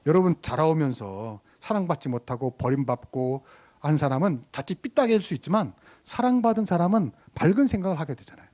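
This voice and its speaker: A man's voice: mid-range voice, darkish tone. A middle-aged man, a pastor preaching a sermon in a conversational way. He asks the congregation questions, tells personal stories, and repeats phrases for emphasis.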